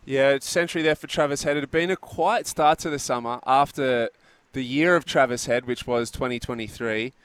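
A man's voice: mid-range voice, normal speed, smooth, no echo. A man with an Australian accent hosting sports talk radio in a conversational style on a close studio mic. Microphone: close studio broadcast microphone.

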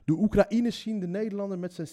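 A man's voice: high voice, fast, warm tone. A man reading a news article aloud and mocking it with sarcastic, sweary commentary.

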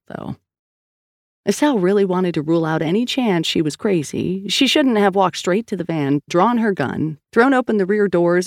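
An audiobook narrator reads a scripted story in an even, steady manner, her voice lowish. The sound is clean studio audio with no room sound.

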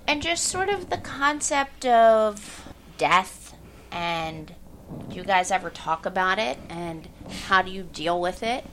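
A woman hosting a casual group discussion and gently prompting others with follow-up questions. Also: on the low side, a little hiss or hum, low-quality recording. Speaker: group facilitator and host.

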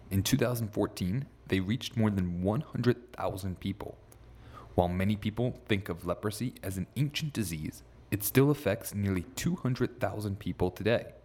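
A man hosting a podcast, reading scripted narration in a steady, even way. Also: on the low side. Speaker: podcast host.

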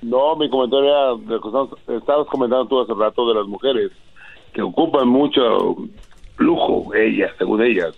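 A man's voice: mid-range voice, moderate pace, gravelly. Rambling male caller on a tinny phone line. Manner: rambling complaint, keeps saying maestro. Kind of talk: phone-in comment.

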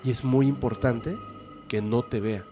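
A man's voice: mid-range voice, unhurried. Man telling an eerie story. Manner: animated, checks in with the listener. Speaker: guest storyteller. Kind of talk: conversational storytelling. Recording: music playing under the voice.

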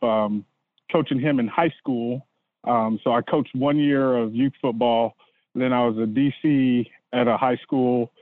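A man's voice: medium pitch, dry recording. A middle-aged man from Indiana, a football coach, answering interview questions in an earnest, hesitant way with many fillers. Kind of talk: casual interview. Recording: dry, phone-like remote line.

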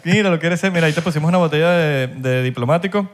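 Host: Venezuelan man, Venezuelan Spanish, fairly high voice, teasing and profane, casual podcast banter. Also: fast. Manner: joking, swears freely, laughs.

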